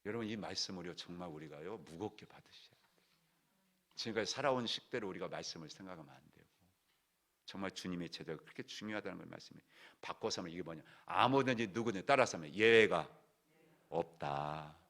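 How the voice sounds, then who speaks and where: A male pastor preaching a weekday morning sermon, swinging from loud exclamations down to hushed asides. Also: sits low, fast talker. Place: church sanctuary.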